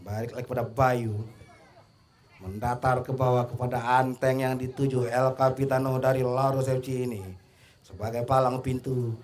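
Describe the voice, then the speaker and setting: A man's voice: medium pitch, little pitch movement, normal speed, darkish tone. A man with an Indonesian accent giving live play-by-play commentary as a football commentator.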